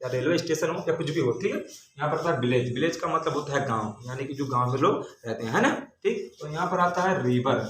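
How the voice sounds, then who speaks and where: A man teaches an English vocabulary lesson in a large classroom. He spells each word out slowly, letter by letter, and keeps circling back to repeat its meaning. The room is echoey, with a faint hiss of noise behind him. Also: on the high side, lively intonation.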